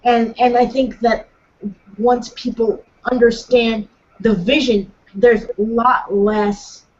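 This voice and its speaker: A woman's voice: a little high, little pitch movement, takes it slowly, dull audio. A woman guest in an online discussion, speaking thoughtfully and hesitantly with many fillers. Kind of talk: casual discussion.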